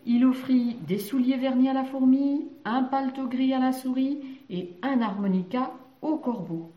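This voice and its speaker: A woman narrating a children's story gently. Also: mid-range voice. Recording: roomy echoey recording.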